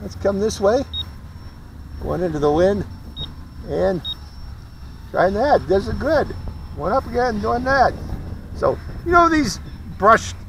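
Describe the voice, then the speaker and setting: A man's voice: sits high, animated, takes it slowly, gravelly, long pauses, a bit bright, slight background noise. A man casually reviewing a small racing drone in a folksy, chatty way, with fillers and light laughs. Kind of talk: casual product review and flight commentary. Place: outdoors during flight.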